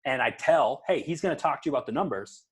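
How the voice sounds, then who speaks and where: Husky-voiced man coaching casually. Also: medium pitch, animated, fast talker. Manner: conversational, coaching, acts out client dialogue, many fillers. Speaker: real estate trainer. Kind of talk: casual training talk.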